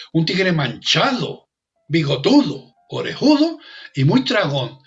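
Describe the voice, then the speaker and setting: A man performs a folk tale aloud with a high-pitched voice. He swings between loud exclamations and hushed asides, repeating phrases for effect. The recording is dull and lo-fi, with faint music underneath. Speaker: storyteller. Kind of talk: oral storytelling performance.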